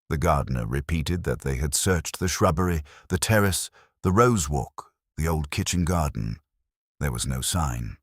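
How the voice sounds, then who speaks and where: A man narrating a mystery audiobook in a measured, expressive storytelling manner. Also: a bass voice, husky, dry recording, clean studio sound.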